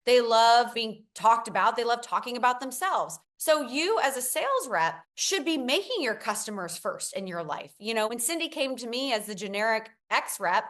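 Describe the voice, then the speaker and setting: Enthusiastic higher-voiced woman co-host. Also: lively intonation, moderate pace, few pauses, a bit bright. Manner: enthusiastic, emphatic, addresses listeners directly. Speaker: podcast co-host. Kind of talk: casual podcast chat.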